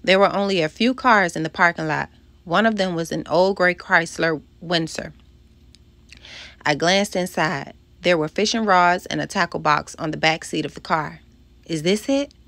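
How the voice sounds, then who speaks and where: A woman's voice: fairly low pitch, moderate pace, creaky, a bit bright, no room sound. A woman narrating a first-person storybook, reading expressively and voicing the dialogue. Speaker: audiobook narrator.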